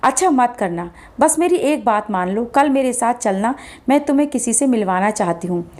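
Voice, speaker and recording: A woman's voice: a little high, animated, normal speed, a little mellow, close to an everyday voice. Woman voicing a frightened young wife. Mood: pleading. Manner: anxious, pleading.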